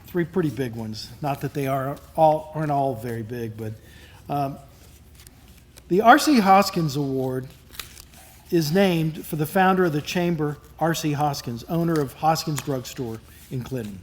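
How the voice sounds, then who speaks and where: A man presenting at an awards lunch reads each citation in a measured, formal way, with his voice sitting a touch high. Now and then he pauses to find his words. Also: slight background noise. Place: event hall at a lunch.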